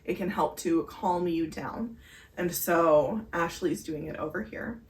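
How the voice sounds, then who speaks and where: A woman's voice: on the low side, unhurried, far from the mic. A woman co-hosting a podcast, earnestly explaining breathing exercises in casual chat with many fillers. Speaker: podcast co-host. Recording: echoey room heard from afar.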